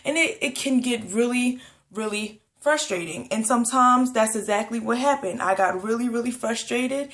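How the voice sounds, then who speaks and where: A woman's voice: fairly high pitch, normal speed, fairly bright tone. Young woman vlogging, kinda breathless, lots of um and you know. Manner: chatty, rambling, many fillers. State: a bit out of breath. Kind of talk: casual pregnancy vlog. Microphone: camera at close range.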